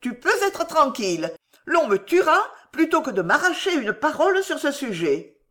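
A woman's voice: fairly high pitch, big pitch swings, normal speed. A woman reading the part of a passionate, jealous young woman in an audiobook, in an emotional, pleading manner.

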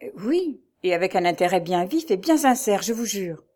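An earnest young knight from a storybook, read by a woman. He questions his friend eagerly and with real concern. The pitch is middling and plain. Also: sing-song, moderate pace, darkish tone. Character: earnest young male knight, loyal and curious. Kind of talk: audiobook reading.

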